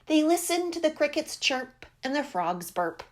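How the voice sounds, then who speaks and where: High-pitched, very animated woman storyteller. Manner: deliberate, dramatic reading. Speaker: teacher reading aloud to young children. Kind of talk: expressive picture-book storytelling.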